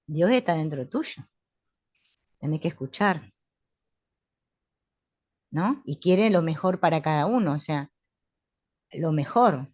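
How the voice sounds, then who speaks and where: A middle-aged woman with a Rioplatense Spanish accent, calmly and confidently teaching a spiritual therapy class, often asking "right?". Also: sits low, slow pace, pauses often, dry recording. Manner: calm, assured, with frequent tag questions. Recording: dull, lo-fi sound.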